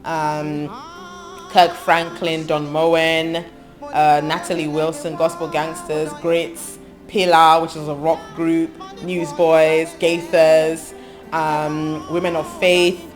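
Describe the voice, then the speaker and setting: Over background music, a low-voiced English gospel singer talks about her life in an interview monologue. Her delivery is flat and slow, and she's thoughtful, working through long lists peppered with ums.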